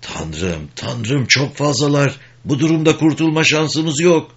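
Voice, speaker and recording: A man's voice: lowish voice, lively intonation, normal speed, a bit bright. A man doing a despairing one-legged young soldier. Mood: terrified. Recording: dull lo-fi recording.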